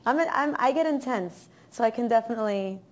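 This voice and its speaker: A woman's voice: fairly high pitch, lively intonation, fast. A woman with a Miami accent, chatting upbeat as an actress guest in an interview. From Miami, Florida, USA. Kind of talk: casual interview chat.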